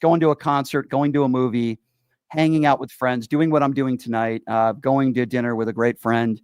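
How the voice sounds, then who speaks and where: A man's voice: medium pitch, steady tone, normal speed, a little mellow, clear, resonant tone, no echo, studio quality. A man in his forties from Connecticut, hosting a casual chat show and rambling with fillers and repeated yeps. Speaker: show host.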